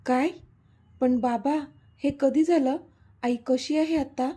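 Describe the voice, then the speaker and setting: A woman reads out a scared young caretaker guy begging his boss, husky and low-toned, storybook reading. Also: steady tone, takes it slowly, warm tone, exaggerated voice. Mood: worried pleading. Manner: urgent, tearful pleading. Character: young male caretaker, anxious and pleading.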